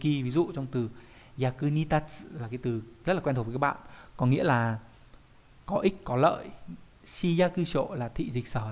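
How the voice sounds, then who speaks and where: A man's voice: mid-range voice, darkish tone. A man, a Japanese teacher explaining kanji in an online lesson, often asking questions and answering them himself.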